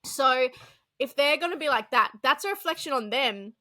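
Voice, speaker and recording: A woman chatting on a podcast with a bright, forceful voice that sits a little high. She talks animatedly and laughs often. Her tone stays casual and relaxed. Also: normal speed. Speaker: podcast co-host. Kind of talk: casual chat.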